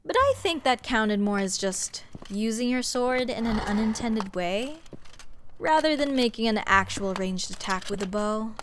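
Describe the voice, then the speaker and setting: A woman voices an exasperated, scoffing young sorceress and nitpicking adventurer in a fantasy audio roleplay, speaking to the listener with sarcastic emphasis in a chatty way over dungeon ambience. Her voice is on the high side, expressive, unhurried and fairly bright. A little hiss or hum is audible.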